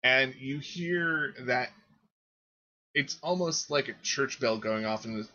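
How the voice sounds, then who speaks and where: A man narrating as game master for a tabletop game, halting and searching for words. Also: medium pitch, sharp tone, muffled recording.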